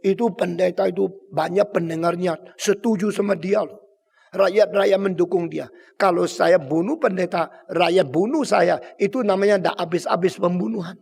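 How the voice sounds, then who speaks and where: Brief: boastful middle-aged king, as a preacher plays him, high voice in a reverberant hall. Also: steady tone, moderate pace, vocal fry, darkish tone, breathy edge, full character voice. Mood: nervous. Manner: bragging, scoffing.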